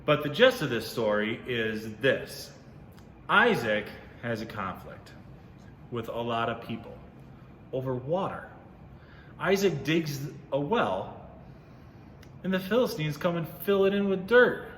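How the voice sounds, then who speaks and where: A man's voice: medium pitch, very animated, measured pace, pauses often, fairly bright tone, roomy sound, in a large hall, a little hiss or hum. A man leading a casual, upbeat Bible lesson for children on video, chatty and often correcting himself. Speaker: youth ministry teacher.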